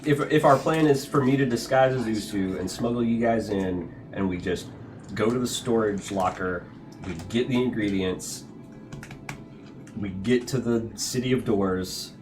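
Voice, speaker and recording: Low-voiced dude hashing out a plan in d&d, bit of music in the back. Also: male voice, measured pace. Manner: hesitant, restarts, planning aloud. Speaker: player. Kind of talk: tabletop game chat.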